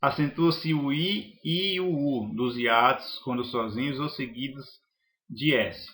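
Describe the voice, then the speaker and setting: A man's voice: medium pitch, takes it slowly, a bit bright. A man teaching a grammar lesson, listing examples one by one in a methodical way with some hesitations.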